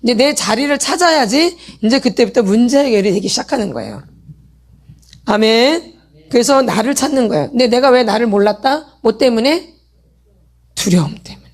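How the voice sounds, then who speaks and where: A middle-aged woman leads a church healing meeting, delivering a sermon lecture in which she keeps asking the audience questions and answering them herself. Her voice is fairly high and sing-song, at a moderate pace.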